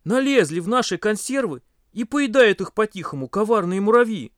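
A man voicing a greedy, grumbling, clumsy boy camper who exclaims in a high voice. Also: lively intonation, brisk, a bit bright, dry recording, clean studio sound. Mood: indignant.

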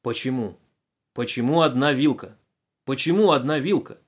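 A man voicing Kolobok, a bun-shaped male detective in a storybook, musing slowly over his deductions. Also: mid-range voice, breathy edge, natural voice.

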